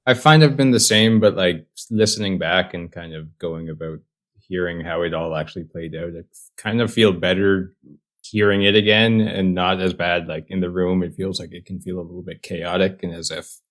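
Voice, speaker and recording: A man with a low-pitched voice talks in a casual, conversational way. His delivery is informal, like someone chatting among friends. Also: steady tone, moderate pace, fairly bright tone. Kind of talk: casual chat.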